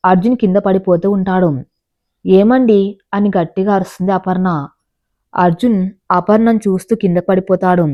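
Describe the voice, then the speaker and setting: Calm female storyteller, mid-pitched, measured delivery, slightly muffled lo-fi recording. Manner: calm, measured storytelling, reading quoted lines in the same voice. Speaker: narrator. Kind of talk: storytelling narration. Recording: dull lo-fi recording.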